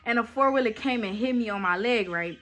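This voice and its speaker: Young woman doing a casual storytime vlog, chatty and animated, slightly high bright voice. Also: a little fast. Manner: chatty and animated, talks straight to viewers. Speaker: vlogger telling a story.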